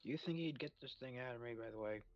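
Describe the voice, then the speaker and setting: A man playing his character in a tabletop game, gruff and stubborn. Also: medium pitch, fast talker, dull audio. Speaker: player. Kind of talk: in-character tabletop role-play.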